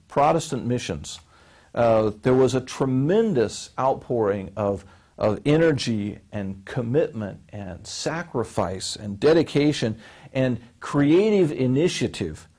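A man in his forties explains history in a measured, lecture-like interview answer, with frequent fillers and restarts, seated in a small studio with a close mic. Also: medium pitch, lively intonation, mellow. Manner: gestures with his hands while speaking. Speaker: seminary professor answering questions. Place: small studio set with a wood-panel backdrop, seated.

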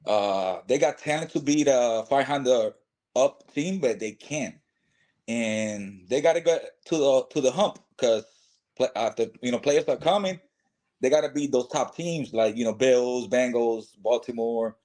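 A man co-hosts a loose sports podcast, giving his opinions in a halting, pause-filled way. His voice sits at a middle pitch. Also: darkish tone. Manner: halting, with many fillers and restarts. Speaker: co-host. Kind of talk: casual sports chat.

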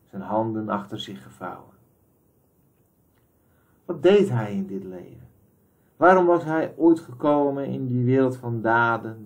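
Man reading an old novel as an audiobook, calm and steady, middle pitch. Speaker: audiobook reader. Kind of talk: literary audiobook narration.

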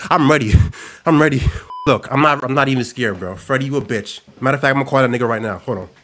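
A man's voice: medium pitch, fast, fairly bright tone, slight background noise. A young man doing let's play commentary, hyped and profane, trash-talking the game's villain and repeating taunts over and over. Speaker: gaming YouTuber.

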